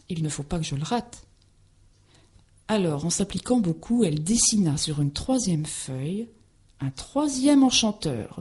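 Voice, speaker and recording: Storyteller woman reading a fairy tale, slow, breathy voice, lively pitch. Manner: expressive, deliberate.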